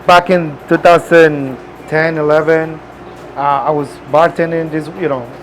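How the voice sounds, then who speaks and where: A man from Peru with a Peruvian Spanish accent, a restaurant owner who pauses often to find his words while talking in his kitchen. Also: on the high side, fairly even intonation, slight background noise. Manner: halting, searching for words. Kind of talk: casual interview.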